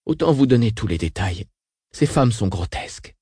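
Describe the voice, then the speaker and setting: A frail, weakened old sister, read by a man, recounting horrors in a flat, unshaken tone. The voice is dark and mellow, recorded dry and close in an audiobook reading. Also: fairly low pitch, normal speed, breathy edge, no room sound. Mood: grim.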